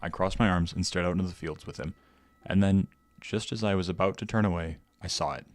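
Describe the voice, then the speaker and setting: A man narrating a scripted horror story in a measured, steady way. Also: low voice, no echo, faint music behind.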